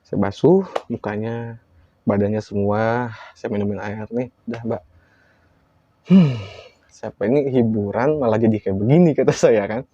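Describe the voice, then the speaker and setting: A man telling a horror story in a casual, lively way, acting out quoted lines with big jumps in his voice. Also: fairly low pitch, moderate pace, no echo, lo-fi sound.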